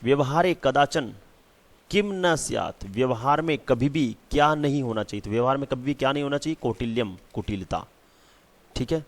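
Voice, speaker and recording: Male teacher, patient repetitive explaining, average pitch. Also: expressive, moderate pace. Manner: repeats key words, frequent "theek hai" check-ins. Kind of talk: explaining a school lesson.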